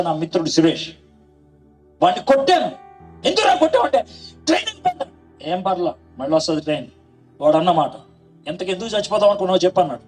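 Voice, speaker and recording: Man, preacher, from Andhra Pradesh, testimony sermon, animated storytelling, faint music underneath. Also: high-pitched, poor audio. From Andhra Pradesh, India. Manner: animated storytelling, acting out dialogue.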